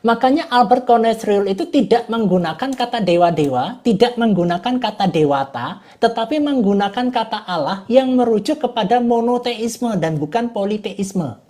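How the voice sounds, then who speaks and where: A woman gives a casual online lecture over a computer mic. Her voice sits a little high yet sounds mellow and warm. She talks in a chatty, repetitive way, often asking whether everyone follows. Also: animated, normal speed. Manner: chatty, repeats "gitu loh" and "Bapak Ibu". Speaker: online class teacher.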